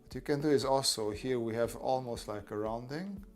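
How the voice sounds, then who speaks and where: On his laid-back art livestream, this male artist chats with viewers, answers their messages, and explains how to draw each step. He has a mid-range voice with a darkish tone and keeps a moderate pace, faint music behind him.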